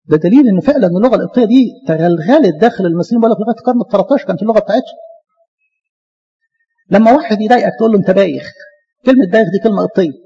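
A man with an Egyptian Arabic accent giving a lively church lecture, talking to his listeners as his beloved. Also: high-pitched, rapid-fire, breathy edge, long reverb tail, dull audio. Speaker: Coptic church speaker.

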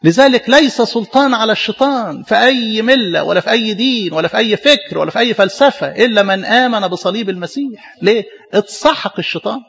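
A man's voice: sits high, animated, fast talker, creaky, fairly bright tone, husky, lo-fi sound. A man with an Egyptian Arabic accent, a priest preaching a sermon and asking his congregation rhetorical questions.

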